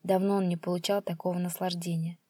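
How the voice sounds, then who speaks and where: Woman reading a dark story. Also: lowish voice, level tone, fast talker, breathy edge, dry recording, clean studio sound. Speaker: narrator.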